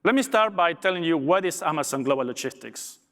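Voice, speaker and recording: An animated Argentine logistics director talks fairly quickly at a conference, his voice on the high side and fairly bright. He's upbeat and occasionally restarts phrases, his Argentine Spanish accent coming through. A large hall lends the audio a long reverb.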